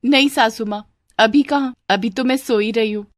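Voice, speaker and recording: A woman's voice: on the high side, moderate pace, no echo, studio quality, pitched above the performer's own voice, natural voice. A woman voicing a witty young new bride who answers back with teasing, mock-innocent remarks. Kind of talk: Hindi storybook voice acting.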